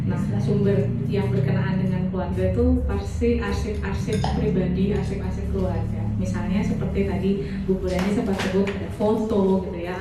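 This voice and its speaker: Polite woman interviewer in echoey room. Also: mid-range voice. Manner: polite, explanatory, with many fillers. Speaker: interviewer, history researcher. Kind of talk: discussion moderation. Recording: echoey room, distant mic, background noise.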